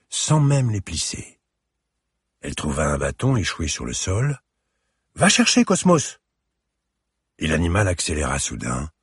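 A man narrating a story in an expressive, measured reading with a gravelly, husky voice, in a dry close recording. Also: a bass voice, no echo. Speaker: audiobook narrator. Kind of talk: scripted narration.

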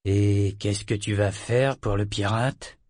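A man voicing a bitter, domineering father, loud and contemptuous in his anger. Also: lowish voice, steady tone, takes it slowly, no room sound, studio quality. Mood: sardonic. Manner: contemptuous, scornful, shouting in rage. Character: bitter domineering father, furious sea captain.

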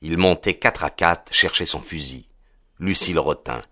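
A man reading a novel aloud as an audiobook narrator, in a measured, expressive way. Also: very deep voice, no room sound, studio quality. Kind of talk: scripted narration.

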